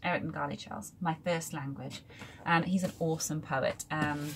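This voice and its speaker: A woman's voice: sits low, steady tone, moderate pace, a little hiss or hum. A young woman in casual book haul chat at home, rambling into asides and filling gaps with ums. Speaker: book vlogger. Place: room full of books at home.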